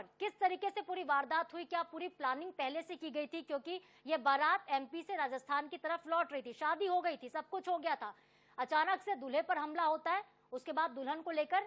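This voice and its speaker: A woman anchoring a television news bulletin, reading stories formally and pressing a field reporter with brisk questions. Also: high voice, a bit bright.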